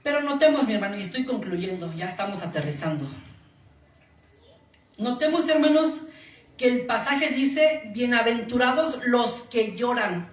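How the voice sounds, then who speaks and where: A man's voice: very high voice, very animated, normal speed, pauses often. A male pastor preaching a sermon to his congregation. He uses rhetorical questions and acts out short quotes. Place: church hall. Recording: echoey room mic from far off, faint ambience.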